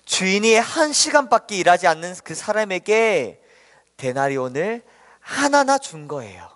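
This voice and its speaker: A man preaching a children's sermon, telling a story gently and asking the children questions. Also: sits high, very animated, measured pace. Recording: long hall reverb.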